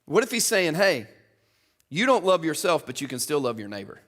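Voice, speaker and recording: A man preaching a sermon as pastor, in a conversational, lively way, often repeating words and acting out the quoted lines in a higher voice. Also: normal speed.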